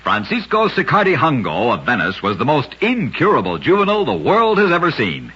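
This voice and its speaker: The voice belongs to a man with an American accent, a little high and a little fast, with wildly swooping pitch and a sharp, slightly rough tone. As host, he narrates short true oddities from a vintage radio script in a dramatic storytelling style, captured in dull, lo-fi vintage radio audio.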